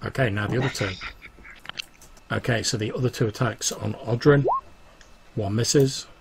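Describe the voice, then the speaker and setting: A man acting as game master, narrating a tabletop game in a halting, improvised way. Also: fairly low pitch, creaky, very noisy.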